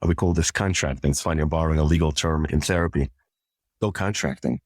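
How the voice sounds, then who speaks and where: A man's voice: rumbling low, quick pace, a little mellow, dry recording, studio quality. A middle-aged man, a couples therapist, explains communication steps one by one in a podcast conversation and acts out short example dialogues.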